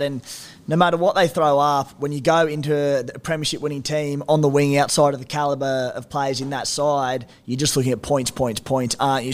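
An Australian man co-hosting a sports podcast, chatting casually in a broad, slangy, blokey way. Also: on the high side. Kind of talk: casual fantasy rugby league chat.

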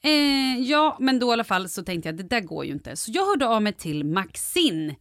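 A woman's voice: on the high side, dry recording. A woman co-hosting a podcast, telling stories in casual chat and acting out what others said. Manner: animated storyteller, acts out others' lines. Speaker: podcast co-host.

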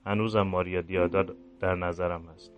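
A man reading aloud the inner confession of a guilt-ridden village priest, in a low, subdued murmur. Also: level tone, dull audio, faint music behind, natural voice. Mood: remorseful.

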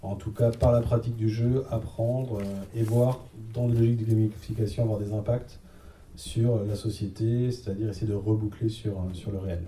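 A man's voice: lowish voice, fairly even intonation, moderate pace, dark tone, slight background noise. A man speaking as a panel guest, hesitant, searching for words and using many fillers. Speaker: game designer and panel guest. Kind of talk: casual panel talk. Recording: echoey room from a distance.

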